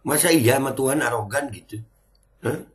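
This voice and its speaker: A man's voice: medium pitch, moderate pace. A middle-aged man, hosting a casual reaction commentary in a mocking, chatty way with his audience. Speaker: host.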